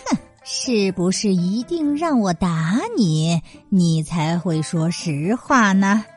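A woman's voice: medium pitch, expressive, slow pace, soft background music, pitched below the performer's own voice. A woman voicing a proud, hot-tempered male monkey king who snorts and scolds, in a children's story. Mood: scolding haughty.

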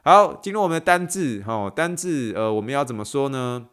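A man's voice: medium pitch, lively intonation, brisk, fairly bright tone, clean tone. A man hosting a podcast, tired from recording late at night, who teaches in a playful way and mixes in English phrases. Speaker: podcast host and athletic trainer.

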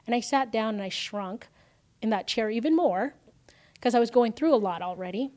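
A woman's voice: on the high side, moderate pace. Woman telling an emotional personal story. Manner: animated, swings from hushed to loud exclamations. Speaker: podcast guest, entrepreneur.

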